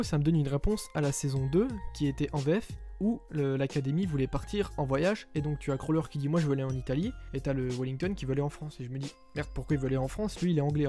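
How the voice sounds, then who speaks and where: Young male vlogger, loose slangy delivery, warm dark tone over quiet music. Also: on the high side. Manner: slangy, conversational, addresses viewers directly. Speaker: anime YouTuber. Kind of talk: casual opinion vlog. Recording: faint background music.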